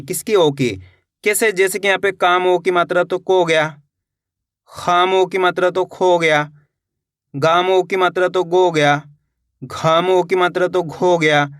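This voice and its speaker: A man teaching beginners to read, sounding out words slowly syllable by syllable and answering his own questions. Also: high voice, fairly bright tone, dry recording, clean studio sound. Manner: slow, patient syllable-by-syllable sounding out; asks the viewer questions and answers them himself. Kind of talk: reading lesson for beginners.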